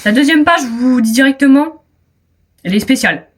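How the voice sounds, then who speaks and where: A woman's voice: high-pitched, lively intonation, fairly quick, slight background noise. A teenage girl with a French accent chatting casually in a vlog, self-mocking, with hesitant restarts and trailing off. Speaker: vlogger. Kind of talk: casual chat.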